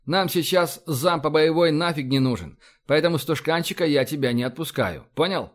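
A man doing a gruff sarcastic admiral. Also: fairly high pitch, lively intonation, moderate pace, close to an everyday voice. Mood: mock stern. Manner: barks orders, sarcastic. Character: commanding male admiral, mocking and gruff.

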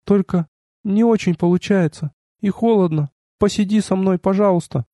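A man voicing a proud, hot-tempered young goddess in an audiobook, pitching his voice well up and speaking imperiously. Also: mellow, no room sound, studio quality, lightly acted. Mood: plaintive. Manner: imperious, quick to flare up, then pleading.

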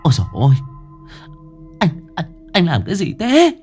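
A man voicing a frightened young village wife who stammers and pleads in a hushed, raised voice. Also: high-pitched, very animated, normal speed, vocal fry, soft background music, voice pushed up, exaggerated voice. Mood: frightened stammering.

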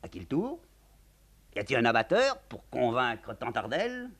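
A man's voice: medium pitch, wildly swooping pitch, normal speed, fairly bright tone, pitched above the performer's own voice, full character voice. A man voicing a weary aristocratic count with dry, mocking irony, reading a stage play.

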